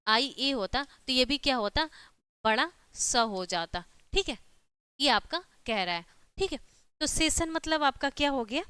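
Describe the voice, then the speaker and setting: A woman gives an online exam-prep lesson, walking through each rule step by step and checking in with her students again and again. Her voice is very clear and bright, slightly higher than usual. The sound is close and dry. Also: no echo. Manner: repeats "ठीक है" and rhetorical questions, explaining step by step. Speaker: teacher.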